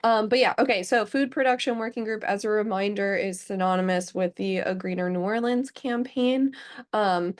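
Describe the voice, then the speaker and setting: A woman's voice: mid-range voice, moderate pace. A woman, sounding sick, giving an earnest working group update at an online meeting with many fillers. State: sick, under the weather.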